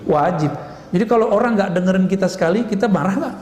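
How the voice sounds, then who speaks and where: A man preaching a lively sermon and asking the audience questions, now and then acting out scolding voices. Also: sits high, fast talker, a little hiss or hum. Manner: animated, acts out scolding voices, laughs. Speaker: Islamic preacher. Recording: echoey hall recording with ambience.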